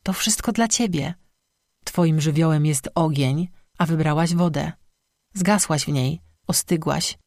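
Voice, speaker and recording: A woman's voice: low-pitched, measured pace, no echo, studio quality. A narrator voicing a stern old woman shaman. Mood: stern, sad. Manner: calm, grave, motherly admonishing. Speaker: shaman, stone speaker. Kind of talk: audiobook dialogue.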